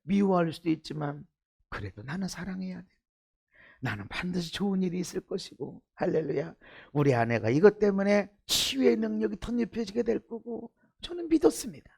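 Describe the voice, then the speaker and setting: Middle-aged male pastor, very high gravelly voice, sermon delivery from quiet asides to shouted fervor. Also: expressive, fairly quick. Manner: swings from hushed intimacy to shouted fervor; rhetorical questions to the congregation. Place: church sanctuary.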